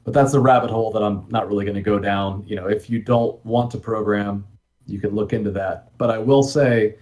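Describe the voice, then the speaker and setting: A man answering interview questions as a game developer, talking in a relaxed, rambling way with many ums and asides. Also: lowish voice, fairly quick. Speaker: guest, NES homebrew game developer.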